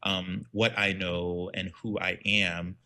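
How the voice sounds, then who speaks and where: Deep-voiced thoughtful man from Liberia. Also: level tone, slow pace, bright, forceful tone. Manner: thoughtful, many ums, earnest. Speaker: educator and author, podcast guest. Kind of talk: reflective conversational storytelling.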